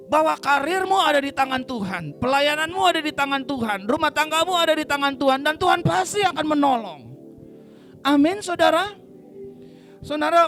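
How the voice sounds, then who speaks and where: A man with an Indonesian accent preaching a sermon in a church. He preaches with lively energy, cracks jokes, leads the congregation in call-and-response and acts out the voices in Bible stories. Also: very high voice. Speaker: pastor.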